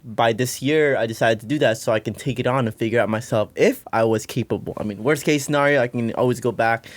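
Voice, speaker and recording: A man's voice: medium pitch, no room sound. Dry-sounding male podcast host. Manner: measured and conversational, with short affirmations. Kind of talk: casual interview.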